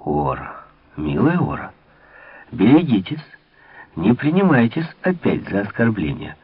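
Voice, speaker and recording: A man voicing a calm, scheming young courtier who speaks low and measured. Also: breathy edge, no echo, exaggerated voice. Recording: narrow phone-like old radio sound.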